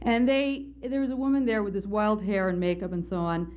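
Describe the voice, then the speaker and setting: A woman's voice: mid-range voice, steady tone, a little fast. Woman, conference speaker, candid wry anecdote, muffled lo-fi recording. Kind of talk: personal anecdote in a lecture. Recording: slightly muffled lo-fi lecture recording.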